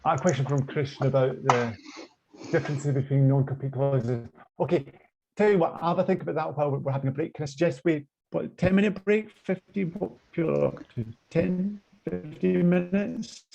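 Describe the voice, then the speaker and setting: Gravelly Scottish man lecturing online. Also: fairly high pitch, moderate pace, dark tone. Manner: hesitant, many fillers and restarts. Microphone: video call. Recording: muffled lo-fi online call audio.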